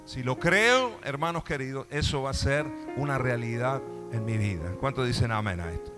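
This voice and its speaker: A man's voice: medium pitch, a little fast. Argentine-sounding preacher guy, emphatic, asks the crowd for amens, music playing under him. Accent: Rioplatense Spanish. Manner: emphatic preaching with call-and-response asides; acts out quoted dialogue, laughing often. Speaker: pastor. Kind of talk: sermon. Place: church.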